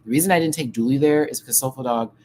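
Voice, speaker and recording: An American man hosting a livestream tells personal stories candidly, full of slang and frequent asides. He talks rapid-fire in a mid-range, darkish voice, with slight background noise.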